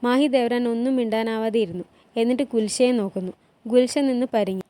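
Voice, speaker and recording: A woman tells a TV drama as a long story and voices every character herself, her voice rising when someone cries out or pleads. Her voice sits a little high but has a soft, mellow tone. It is recorded close and dry, with no room sound. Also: a little fast, no room sound. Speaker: storyteller retelling a TV series. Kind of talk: storytelling narration with voiced dialogue.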